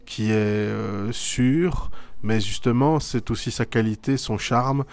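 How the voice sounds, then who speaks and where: This middle-aged Belgian theatre artist and teacher answers a school media interview thoughtfully, hesitating often as he reflects. His voice is lowish and gravelly, and he takes it slowly.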